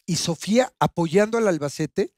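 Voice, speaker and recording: A man with a Mexican accent, a guest recounting events in an animated, profane way and mimicking others. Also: sits high, normal speed, no room sound, studio quality. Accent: Mexican Spanish. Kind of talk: casual chat.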